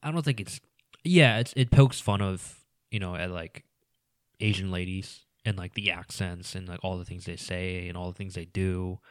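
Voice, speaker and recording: A man's voice: deep voice, normal speed, clean tone, no echo, clean studio sound. A man talking as a guest on a casual podcast, rambling with many "you know"s and trailing into mumbles.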